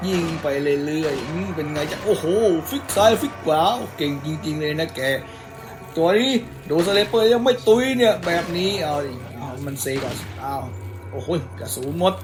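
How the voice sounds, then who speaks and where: A man's voice: on the high side, expressive, normal speed, over music. A young man casually commentating a game he is playing, teasing the enemies in a playful way. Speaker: gaming YouTuber. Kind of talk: casual let's-play commentary.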